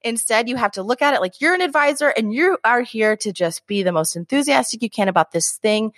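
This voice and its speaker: Upbeat higher-pitched woman, close and dry. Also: animated, brisk, a bit bright, dry recording. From New Jersey. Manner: enthusiastic, acts out quoted voices. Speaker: author guest. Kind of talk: podcast interview.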